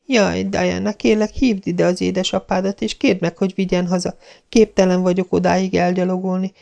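Voiced by a man in a raised voice, a dramatic young girl speaks solemnly and theatrically. The tone is dark and gravelly, set well above his own register for a storybook heroine. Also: sits high, flat delivery, voice pushed up. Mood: pained. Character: dreamy dramatic girl, about eleven.

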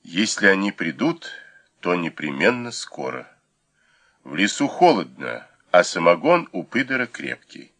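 Hushed commanding operative, read by a man. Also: sits low, sing-song, unhurried, heavily acted. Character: tense, commanding male operative leading an ambush. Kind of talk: audiobook character voice.

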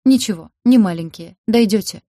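A woman's voice: on the low side, a little fast, a little mellow, no room sound, studio quality, lightly acted. Woman voicing a fretful old village healer. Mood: indignant. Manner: folksy, lamenting, scolding.

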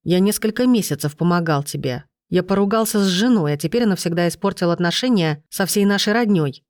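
A woman's voice: lowish voice, animated, a little fast, darkish tone, no echo, clean studio sound, natural voice. A woman reader voicing a greedy, threatening grown man, the heroine's brother, speaking harshly.

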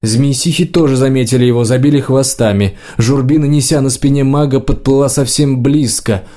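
A male audiobook narrator reading a fantasy novel in an even, measured way. His voice is dark and mellow at a middling pitch, the steady delivery of a professional reader. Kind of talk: scripted narration.

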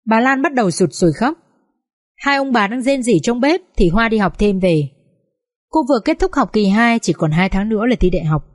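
A woman narrating a dramatic family story in an expressive, measured reading. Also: on the high side, dry recording, studio quality. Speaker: audiobook narrator.

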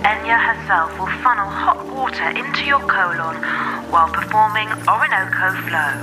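Man as a high-voiced spoof advert salesman. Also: moderate pace, music in the background, lightly acted, rough recording. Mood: chirpy, salesy. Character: upbeat, absurd male advert voice-over salesman.

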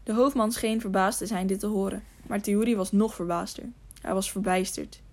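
A woman reads a storybook aloud in a steady, even narration, sometimes stumbling and correcting a word. Her voice sits at an ordinary middle pitch. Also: moderate pace. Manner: steady storytelling with occasional slips and restarts. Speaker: audiobook narrator. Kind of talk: audiobook reading.

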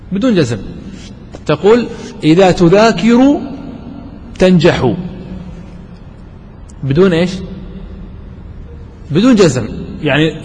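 Male teacher quizzing students. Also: sits high. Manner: quizzes students, repeats examples slowly. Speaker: grammar teacher. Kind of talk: classroom grammar lesson. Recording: long hall reverb, faint background noise.

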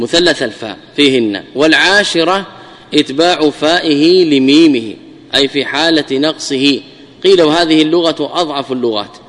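A man's voice: a little high, a bit bright, long reverb tail. A man giving a classical grammar lesson, often repeating key words and answering his own questions. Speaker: Islamic scholar teaching Arabic grammar.

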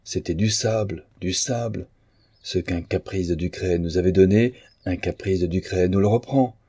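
A man's voice: sits low, normal speed, mellow, husky, no echo, clean studio sound. A man voicing an earnest, principled man in an audiobook of a novel, pleading and stern.

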